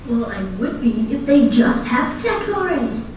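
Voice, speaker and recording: A woman's voice: fairly high pitch, big pitch swings, moderate pace, a little mellow. A woman voicing a bossy, scheming breeder in an amateur parody cartoon, with stilted bad acting. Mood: bossy, exasperated. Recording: echoey, distant, noisy playback in a room.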